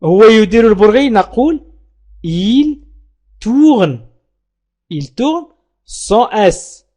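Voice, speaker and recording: Slow, high-voiced man teaching French. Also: very animated, warm tone. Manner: repeats phrases slowly, drawn out. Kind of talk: slow language lesson.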